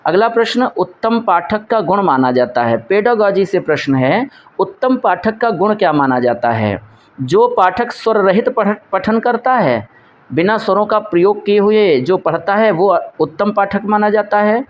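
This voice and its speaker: A man's voice: high-pitched, animated, a little slow, lo-fi sound. A male teacher going through exam quiz questions, posing each question and answering it himself while repeating the key points.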